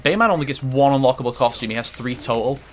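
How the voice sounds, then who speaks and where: A man's voice: mid-range voice, quick pace. Rambling, swearing young man over gameplay. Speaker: gaming commentator. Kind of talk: let's play commentary.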